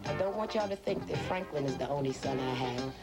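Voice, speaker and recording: A woman's voice: rumbling low, expressive, a little fast. A middle-aged woman talking in a plain-spoken, colloquial way in an informal interview. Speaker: boxer's mother being interviewed. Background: music.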